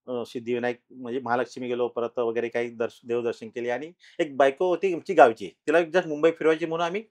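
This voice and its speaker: A middle-aged man tells his own ghost experience as a podcast guest, talking casually with many pauses and restarts and growing louder at the tense moments. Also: medium pitch, steady tone. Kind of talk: casual storytelling in an interview.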